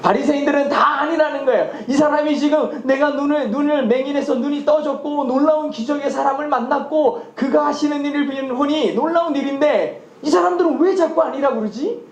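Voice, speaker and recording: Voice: high voice, brisk, hardly any pauses, reverberant, lo-fi sound. A pastor preaching a sermon and often asking the congregation rhetorical questions.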